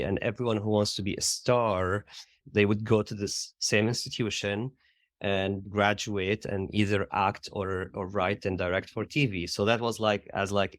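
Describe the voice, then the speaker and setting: Interview guest: Syrian-accented man, middle-aged, low and reflective, lots of "like" and "right?". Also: dry recording, studio quality. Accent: Syrian Arabic. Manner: reflective, uses "like" and "right?" often. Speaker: guest, theater educator. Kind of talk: conversational interview.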